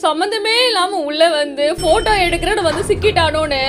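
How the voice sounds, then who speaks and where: A woman hosting a gaming channel, giving excitable, jittery commentary on a horror game and talking straight to her viewers. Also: very high voice, fairly quick, background noise.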